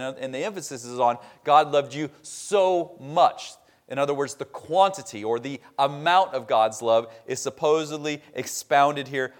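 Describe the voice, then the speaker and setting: A man preaching a sermon, stressing key words loudly and dropping to a hushed tone at the ends of points. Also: medium pitch. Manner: emphatic preaching, swinging between loud stresses and quiet drops. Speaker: pastor.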